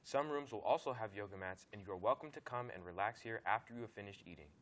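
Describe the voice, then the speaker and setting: A teenage student news anchor reading school announcements in an upbeat announcer style. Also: male voice, lowish voice, fast talker, fairly bright tone. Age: teens.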